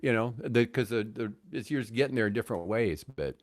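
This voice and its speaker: Speaking a little fast at a medium pitch, a man in his sixties swaps stories as a guest on a podcast interview. He used to work in radio, and he rambles, returning to rephrase his points.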